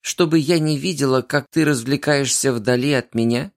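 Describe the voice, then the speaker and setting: A man voicing a heartbroken young woman who pleads tearfully and breaks into shrill outbursts. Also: normal speed, natural voice. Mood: desperate.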